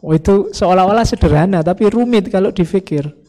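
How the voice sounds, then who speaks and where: A man's voice: sits high, a little fast, mellow. A man giving an informal philosophy lecture, explaining with folksy jokes and acted quotes. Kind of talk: informal religious study lecture.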